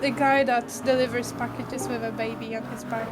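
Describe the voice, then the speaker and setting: A woman's voice: a little high, flat delivery, a little fast. A woman chatting playfully in a racing team's voice call, breaking into silly sing-song chants. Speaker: sim racing team member in voice chat. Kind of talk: casual team chat. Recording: loud music in the background.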